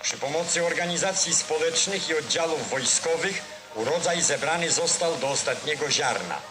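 Over music on an old 1940s newsreel soundtrack, a man with a slightly high voice narrates at normal speed. His delivery is formal, solemn and declamatory, in the old style.

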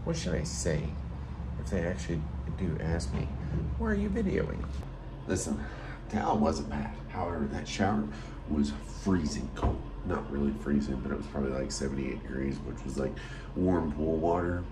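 A man's voice: rumbling low, moderate pace, noisy background. A man giving casual, rambling travel vlog narration with wry, self-deprecating asides. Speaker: travel vlogger.

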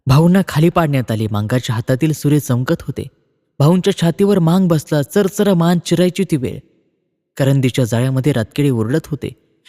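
Mellow-voiced man reading a story. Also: mid-range voice. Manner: measured, expressive narration. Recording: long reverb.

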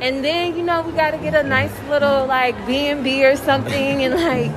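A young woman answering a street interviewer in a shopping mall, giggly and relaxed. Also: high-pitched, a little fast, over music. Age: young adult.

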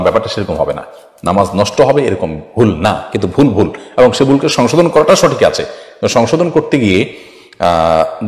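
Male scholar, low voice, measured explanatory delivery, reverberant room. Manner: calm, measured, explanatory with many pauses and fillers. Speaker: Islamic scholar answering a viewer question. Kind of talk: religious Q&A talk. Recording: echoey room with long reverb.

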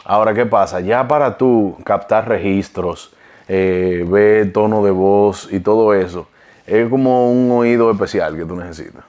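A man's voice: lowish voice, a little slow. A Dominican man, an impressionist comedian, telling stories and explaining his craft in a casual interview. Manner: lively storytelling, explains with examples.

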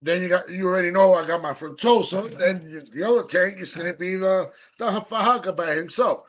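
A man's voice: sits high, brisk, dull audio. Hyped man vlogging from his fish room. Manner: hyped, playful, repeats phrases, does mock announcer bits. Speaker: aquarium channel host. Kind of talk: casual hobby vlog. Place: home fish room in living room.

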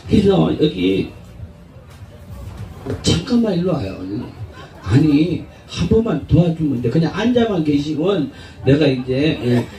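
A man's voice: fairly high pitch, mellow. A man doing a street prank comedy bit, coaxing passersby with a brash, laughing, swearing manner. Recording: echoey outdoor street, crowd noise, distant mic.

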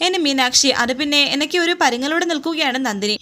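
Brief: woman storyteller, expressive dramatic narration, high pitch. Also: quick pace.

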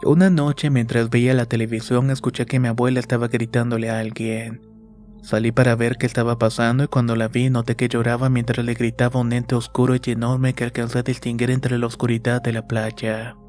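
A man reading a first-person horror story in a slow, measured, scripted narration. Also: medium pitch, flat delivery, a little mellow. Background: faint music.

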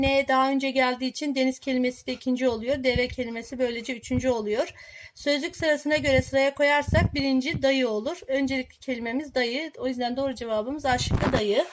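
A woman reading out test questions to young pupils and explaining each answer in a clear, patient way. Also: high voice, a little hiss or hum.

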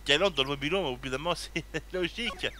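A man's voice: on the high side, fast, bright, forceful tone, a little hiss or hum. A man casually commenting on a game he plays, joking and crude. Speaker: gamer. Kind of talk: let's play commentary.

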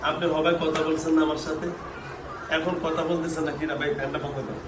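A Bangladeshi healer and mufti runs a live session, speaking both to the camera and to visitors, coaxing and pressing people with repeated questions. He talks fast in a level tone, his voice a little high. The room is echoey, with a distant mic and faint noise.

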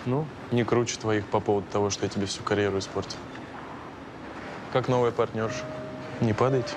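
An actor playing a blunt, probing young skating partner in TV drama dialogue. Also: male voice, fairly low pitch, steady tone, brisk, noisy background, close to an everyday voice. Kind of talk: TV drama acting.

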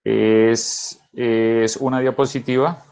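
A man teaching English over a video call, emphatic and urging his students to practice out loud. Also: medium pitch, level tone, slow, creaky. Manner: emphatic, coaxing students to repeat. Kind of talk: online class teaching.

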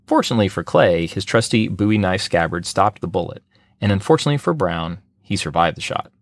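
Male podcast host, deep and dry, measured reader of scripted history. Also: dry recording. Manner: steady, measured reading.

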